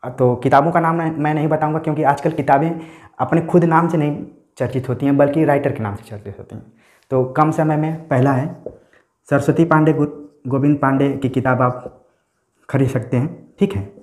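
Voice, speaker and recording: A man's voice: a little high, moderate pace, darkish tone. A man teaching an exam-prep lecture, explaining step by step and often checking in with his students. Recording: echoey room.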